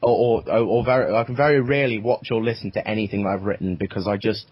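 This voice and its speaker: A man's voice: lowish voice, fairly even intonation, slightly rough, dry recording. A young man, writer and producer of an audio drama, talking in a casual interview with many restarts. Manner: halting, full of restarts. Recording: dull, dry lo-fi sound.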